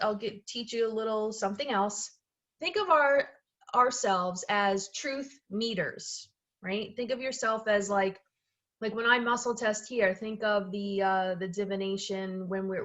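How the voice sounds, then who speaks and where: A woman at a middle pitch talks through how she works as an energy healer, in a loose, conversational way. She backtracks and restarts her phrases as she goes and keeps checking in with "okay" and "right.". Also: a bit bright, dull audio. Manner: chatty, self-correcting, frequently checks in with "okay" and "right". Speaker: medical intuitive and energy healer. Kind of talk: informal explanatory talk to camera.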